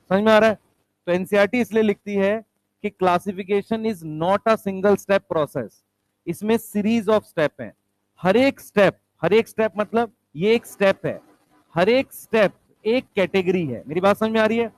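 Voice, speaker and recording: A man lectures on biology in a high voice, asking questions and answering them himself. He slows down to stress key terms. The recording is close and dry, with no room sound. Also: dry recording. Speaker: biology teacher. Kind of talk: classroom lecture.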